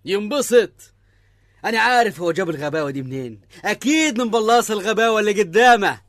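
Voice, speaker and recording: A bossy Egyptian village mayor. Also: male voice, high voice, animated, fast, fairly bright tone, no room sound, studio quality. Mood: scolding. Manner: gruff, scolding. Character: blustering village mayor, middle-aged man, bossy.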